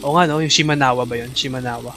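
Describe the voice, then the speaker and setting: Over game music and a noisy background, a game streamer with a Filipino accent, a native Tagalog speaker, chats casually in a mix of Tagalog and English. His medium-pitched voice races along with fairly even intonation.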